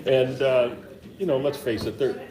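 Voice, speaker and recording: A middle-aged man with a mid-range voice and steady tone speaks at normal speed while hosting a local sports interview show in a high school gym. His questions are long and rambling, packed with fillers, and the echoey gym is full of crowd noise.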